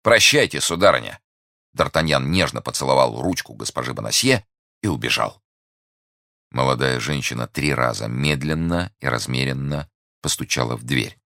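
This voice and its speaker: A man narrating a classic adventure novel in measured storytelling. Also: rumbling low, gravelly, a bit bright, no echo, clean studio sound. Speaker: audiobook narrator. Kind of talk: scripted narration.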